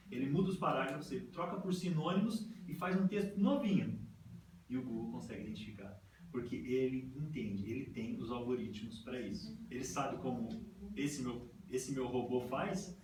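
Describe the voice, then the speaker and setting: A Brazilian man presents to a group, explaining step by step and often checking in with "tá?". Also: mid-range voice. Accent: Brazilian Portuguese. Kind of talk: informal talk with slides. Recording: echoey room, far mic, noisy.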